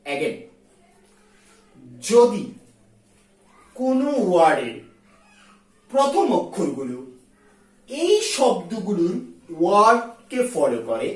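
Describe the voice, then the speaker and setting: A woman teaching an English grammar lesson, repeating each sound slowly to drill it. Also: mid-range voice, very animated, a little mellow. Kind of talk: explaining grammar in a video lesson. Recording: echoey room, far from the mic.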